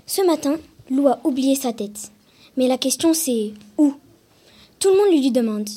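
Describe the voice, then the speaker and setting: A woman reading a children's book aloud in a lively, expressive way. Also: sits high, measured pace. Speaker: storyteller.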